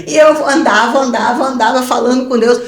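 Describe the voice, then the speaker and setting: Woman guest telling her faith story, kinda high voice, lively, laughs a lot, roomy echo. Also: brisk. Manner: expressive, laughs often, acts out her own quoted lines. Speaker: guest evangelist giving testimony. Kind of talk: animated personal testimony storytelling.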